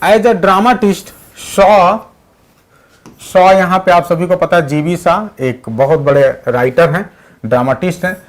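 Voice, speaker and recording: High-pitched guy running a live english grammar class, reads out students' answers from chat. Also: measured pace. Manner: mixes Hindi with English sentences. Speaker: English teacher for exam prep. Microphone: digital board class setup.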